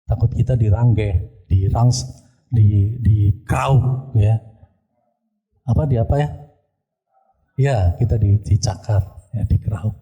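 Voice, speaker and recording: A man's voice: on the low side, steady tone, takes it slowly, pauses often, warm tone, breathy edge, lo-fi sound. A male pastor telling a story during a church service, often turning to address the congregation. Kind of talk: sermon testimony.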